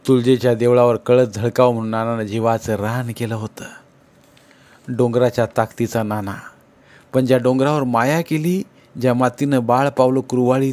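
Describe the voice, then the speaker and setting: A man reads a story aloud in a steady, measured way. His voice sits at an ordinary middle pitch and keeps an even, unhurried audiobook delivery. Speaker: audiobook narrator. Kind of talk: storytelling narration.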